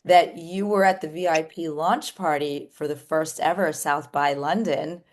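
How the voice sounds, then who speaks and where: A woman's voice: sits low, steady tone, measured pace. A woman hosting a casual interview with a band, upbeat and enthusiastic. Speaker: showcase founder and interviewer.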